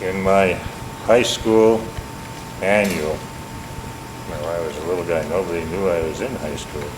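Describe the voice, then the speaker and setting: A man's voice: low voice, a little slow. A man in his seventies with an Upper Midwestern American accent, telling family history informally in a folksy, self-deprecating, wry way. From Minneapolis, United States. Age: 70s. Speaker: family elder recounting memories. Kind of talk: informal oral history reminiscence. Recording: echoey, noisy home tape, background hum.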